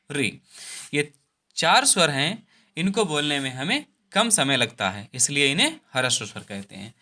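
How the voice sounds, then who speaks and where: A man's voice: fairly high pitch, sharp tone. A man teaching a Hindi grammar lesson, repeating each point and drawing out the vowel sounds.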